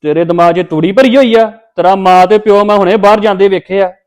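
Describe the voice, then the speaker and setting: A man's voice: high voice, a little fast, close to an everyday voice. An actor playing a hot-tempered husband who berates his wife in a family drama skit, harsh and bossy. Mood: angry, scolding. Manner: harsh, berating, shouting orders.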